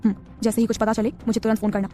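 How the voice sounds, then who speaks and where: A suspicious young man, voiced by a female narrator, speaking in a lowered, sarcastic tone. He sounds cold and distrustful, and faint music runs beneath the story reading. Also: little pitch movement, very fast, dark tone, natural voice.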